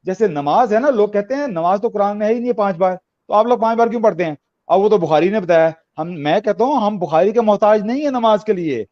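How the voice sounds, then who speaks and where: Debater, male, high voice, lo-fi call audio, keeps restarting and saying no, no. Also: expressive, fast. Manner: hesitant, stumbling restarts, repeated denials. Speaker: debater defending his faith. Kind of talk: heated online debate.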